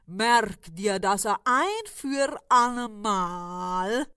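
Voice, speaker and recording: Lady doing a grumpy old wizard guy, really slow drawn out words, dry sound. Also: very animated, pushed and bright, smooth, no echo, exaggerated voice. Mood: angry. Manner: drawn-out, theatrical, shifting pitch. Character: pompous grumpy old male sorcerer.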